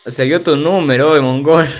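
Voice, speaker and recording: A young man, streaming a game and chatting casually with viewers, loose and slangy with frequent laughs. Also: fairly high pitch. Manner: loose, slangy, reads chat aloud and laughs often. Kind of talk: casual livestream chat while gaming. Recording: faint music behind.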